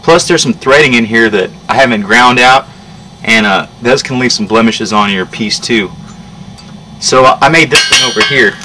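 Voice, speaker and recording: Bright and forceful, a young man's mid-range voice carries at a moderate pace through a casual how-to. He is a hobby metalworker demonstrating step by step in an outdoor yard. A nearby camera mic records him, and the outdoor camcorder audio is noisy.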